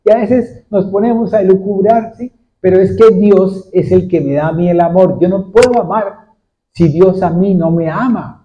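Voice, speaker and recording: A male pastor preaching a sermon to a congregation, repeatedly asking them questions in a steady, repetitive cadence. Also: high voice, normal speed. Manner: asks the congregation frequent questions. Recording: dull lo-fi recording. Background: seated congregation.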